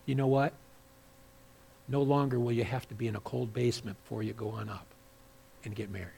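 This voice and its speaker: A man preaching a sermon as pastor, dropping to quiet asides and then rising loud and high when he reads scripture aloud. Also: fast talker, gravelly, a little hiss or hum. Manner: swings from hushed asides to loud, high-pitched emphatic scripture reading.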